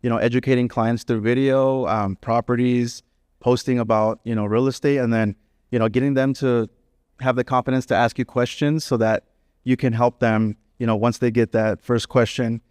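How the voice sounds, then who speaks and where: A man's voice: mid-range voice, little pitch movement, normal speed, darkish tone, smooth, no echo, clean studio sound. Earnest young man on a panel. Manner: earnest, conversational, many fillers like "you know". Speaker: real estate agent on a panel. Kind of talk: panel discussion.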